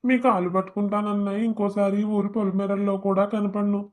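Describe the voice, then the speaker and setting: A cowering petty thief whines and begs for his life in a cartoon drama, voiced by a woman. The pleading stays flat and even, pitched at an ordinary middle. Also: fairly quick, close to an everyday voice. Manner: pleading, whining. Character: cowering petty thief man begging for mercy.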